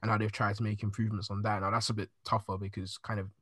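A man's voice: lowish voice, level tone, quick pace, no room sound, studio quality. A man co-hosting a casual group podcast, making a point in a thoughtful, rambling way. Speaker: podcast co-host.

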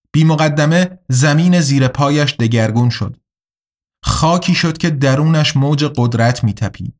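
A man reading a story aloud in a steady, deliberate narration. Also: medium pitch. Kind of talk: audiobook narration.

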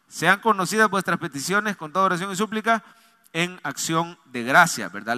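Fervent preaching pastor in a reverberant hall. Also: male voice, high voice, pushed and bright. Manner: fervent preaching, calls on congregation to respond. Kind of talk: sermon. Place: church hall.

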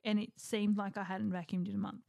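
A woman's voice: medium pitch, flat delivery, fairly quick, gravelly, warm tone, no echo, lo-fi sound. A young woman chatting casually as a podcast co-host, laughing easily. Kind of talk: casual chat.

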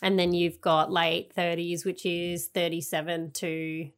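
A woman's voice: fairly low pitch, level tone, unhurried, clean tone. Chatty mum in her thirties. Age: 30s. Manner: chatty, laughs often, rambling anecdotes. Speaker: podcast co-host. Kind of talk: casual chat.

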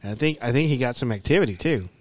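A man's voice: mid-range voice, lively intonation, racing, a little mellow, dry recording. A man hosting a casual podcast interview, rambling with many fillers and retelling what others told him. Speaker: podcast host.

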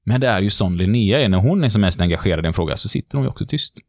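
A man tells stories in a relaxed podcast chat. He is a lecturer and acts out what people said in his stories. The sound is close and dry, with no room echo. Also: on the low side. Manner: lively storyteller who acts out the quotes. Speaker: lecturer on behaviour and body language. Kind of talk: casual podcast chat, storytelling.

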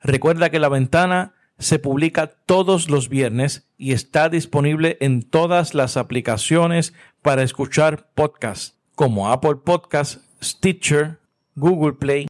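A man's voice: on the high side, takes it slowly. A man from Puerto Rico hosting a podcast, reading his intro and sign-up plugs in an announcer-like way. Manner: announcer-like, lists platforms evenly. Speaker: podcast host.

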